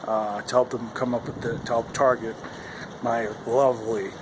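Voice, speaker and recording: A man chatting casually and haltingly to a handheld camera as a vlogger, rambling along outdoors. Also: mid-range voice, little pitch movement. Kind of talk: casual vlog chat to camera. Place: outdoors in the cold wind. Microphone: handheld camera at arm's length. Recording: windy outdoor recording, loud wind noise. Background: howling wind noise.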